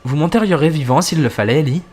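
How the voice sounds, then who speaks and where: A man's voice: a little high, lively intonation, fast, slightly rough. A man reading the lines of a frightened male doctor who asks tense, hesitant questions in a scripted horror story. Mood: anxious. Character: frightened male doctor, the first-person narrator.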